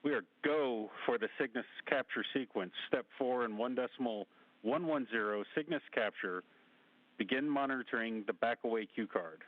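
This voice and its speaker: A man's voice: mid-range voice, moderate pace, no echo. Man on tinny space radio. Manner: clipped, procedural phrasing. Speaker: mission control communicator. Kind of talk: procedural space radio call-outs. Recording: narrow, tinny space-to-ground radio link.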